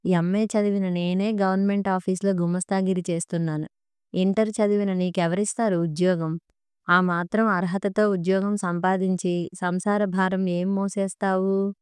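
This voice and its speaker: A woman's voice: medium pitch, flat delivery, normal speed, smooth, dry recording, clean studio sound, close to an everyday voice. A woman voicing a scornful angry husband. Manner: shouting, mocking.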